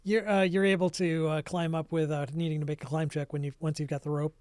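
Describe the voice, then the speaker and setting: Fairly high-voiced man running a game. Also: fast, smooth, no echo. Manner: relaxed, descriptive, thinks aloud. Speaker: game master. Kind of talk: narrating a tabletop game.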